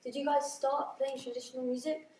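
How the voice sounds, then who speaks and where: A woman's voice: high voice, flat delivery, a little fast, darkish tone, a little hiss or hum. A woman steward interviewing musicians at a conference, upbeat and encouraging. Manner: upbeat, frequent encouraging backchannels. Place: busy conference venue. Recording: roomy and distant.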